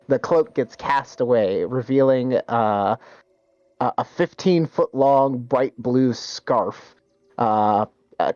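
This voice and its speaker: Male game master, halting delivery, dry and slightly muffled recording. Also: medium pitch, a little mellow, no echo. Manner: hesitant, many fillers and restarts. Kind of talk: narrating a tabletop game.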